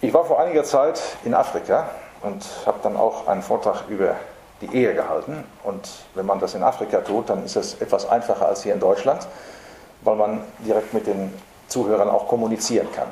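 A man preaching a sermon, earnest and emphatic, slowing down to stress repeated phrases. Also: on the low side, dark tone. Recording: roomy hall with faint background noise.

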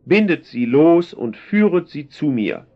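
A calm, authoritative male teacher, read aloud by a man addresses his followers in slow, solemn tones. The manner is measured and gently commanding, and the recording is dull and lo-fi. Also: on the high side, exaggerated voice.

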